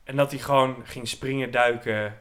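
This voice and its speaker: A man's voice: mid-range voice, fairly even intonation, moderate pace, fairly bright tone, slight background noise. A man hosting a casual football chat, asking probing questions.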